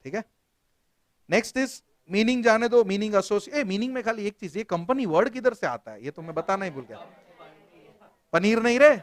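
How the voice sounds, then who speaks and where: An Indian man teaching company law to a live class, jokey and lively, quizzing his students as he goes. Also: high voice, brisk, no echo. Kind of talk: classroom lecture.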